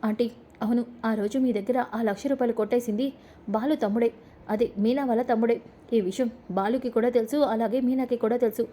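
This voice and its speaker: A woman's voice: a little high, fairly even intonation, brisk, dark tone, slight background noise, lightly acted. A woman voicing a scheming young daughter-in-law who speaks slyly and accuses others. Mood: accusing. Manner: sly, accusing.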